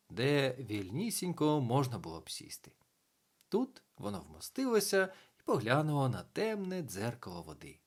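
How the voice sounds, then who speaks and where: A man reading a children's bedtime story aloud in an expressive way, dropping to a hush at times. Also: on the high side. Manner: expressive, hushed in places. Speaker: audiobook narrator.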